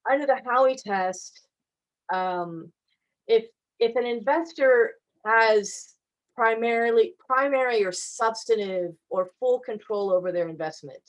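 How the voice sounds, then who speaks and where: A woman's voice: medium pitch, rough recording. A woman attorney answering audience questions in a conversational way, with frequent fillers and restarts. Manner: hesitant, many fillers and restarts. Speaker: guest attorney.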